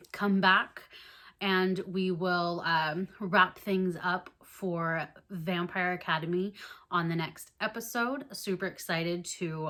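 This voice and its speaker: Chatty young woman with a low voice. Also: fairly bright tone. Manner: chatty, many ums and likes, amused. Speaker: book vlogger. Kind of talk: casual book discussion.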